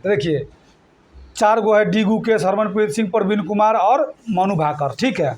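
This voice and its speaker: A man's voice: high-pitched, moderate pace, darkish tone. A male teacher leading a classroom exam-prep lesson, quizzing students with call-and-response questions and repeating mnemonics. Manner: repetitive mnemonic chanting.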